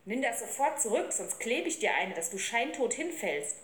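A woman's voice: fairly high pitch, big pitch swings, normal speed, a bit bright, a little hiss or hum. A woman doing an earnest small-town boy. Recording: roomy with faint ambience.

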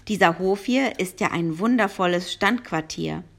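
A woman's voice: lowish voice, normal speed, gravelly, fairly bright tone. A woman reading aloud and voicing an eager young boy. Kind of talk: reading a children's novel aloud.

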